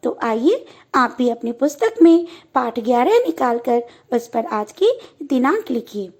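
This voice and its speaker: A woman teacher explaining a grammar lesson to young children in a clear, deliberate way. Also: on the high side, big pitch swings, a little mellow. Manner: clear, deliberate, stretching example sentences. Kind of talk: slow classroom explanation to children.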